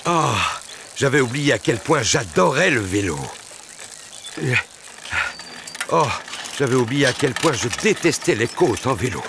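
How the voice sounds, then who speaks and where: A man's voice: mid-range voice, sing-song, normal speed, background noise. A man voicing a jolly, boastful, kindly daddy pig in a preschool cartoon, hearty and theatrical. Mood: weary.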